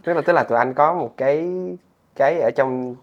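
A man's voice: mid-range voice, fairly quick, muffled recording. A young man with a southern Vietnamese accent, a comedian guest chatting casually and telling stories with animation.

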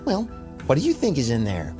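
A curious, daring young boy speaks calmly and plainly in a storybook voice, as a man puts him on. His voice sits a bit lower than the narration. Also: fairly quick, over music.

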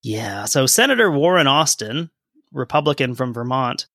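A man's voice: mid-range voice, very animated, moderate pace, bright, forceful tone, no echo, clean studio sound. A man co-hosting a casual history podcast, reading old newspaper quotes aloud in a conversational way. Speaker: podcast co-host.

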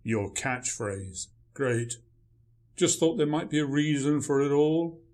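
A man's voice: fairly high pitch, animated, takes it slowly, a little mellow. A man playing a grumpy male writer, dry, sarcastic and dismissive in a radio play. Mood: sardonic.

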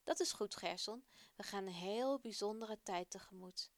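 A woman playing a calm, reassuring father. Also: medium pitch, normal speed, no echo, lightly acted.

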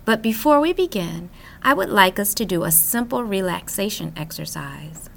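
A woman hosting a wellness podcast, guiding gently in a soft, soothing, measured voice. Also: mid-range voice, big pitch swings, creaky. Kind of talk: guided breathing and gentle self-care podcast narration. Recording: new-age music behind the voice.

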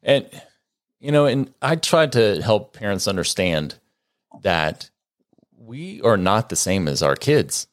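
Man podcast co-host, forties, low voice, dry recording, chatty with quips. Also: sing-song, slow pace, dry recording. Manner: conversational, joking asides. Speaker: podcast co-host and co-parenting educator. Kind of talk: casual podcast chat.

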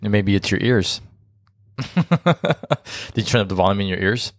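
A man's voice: on the low side, expressive, a little slow, no echo, studio quality. A man co-hosting a marriage podcast in a casual, rambling chat full of fillers. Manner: rambling, many fillers, laughs easily. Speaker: podcast co-host.

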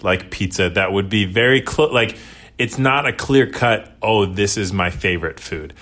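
Lower-voiced man, podcast co-host, casual chat, halting, filler-heavy. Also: fairly bright tone. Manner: hesitant, many fillers, laughs while talking.

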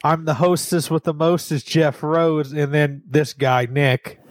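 A young man co-hosting a casual podcast, slightly stuffy from allergies, cracking deadpan jokes and teasing his co-host. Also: on the high side, unhurried, no echo. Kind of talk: casual chat.

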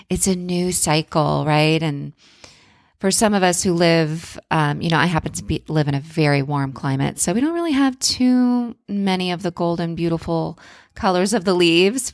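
A woman hosting a spiritual podcast, talking reflectively in a halting, conversational way. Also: lowish voice, no echo, clean studio sound. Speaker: podcast host and yoga guide.

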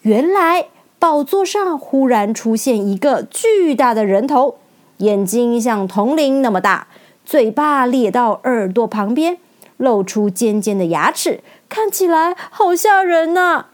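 An expressive woman storyteller reads a children's story aloud. Her voice sits a little high and moves with lively emphasis. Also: a little slow.

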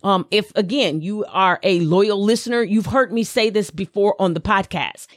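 A woman's voice: mid-range voice, moderate pace, no room sound, clean studio sound. A middle-aged woman with a Southern US accent hosting a motivational podcast, enthusiastic and preachy, repeating phrases for emphasis. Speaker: podcast host.

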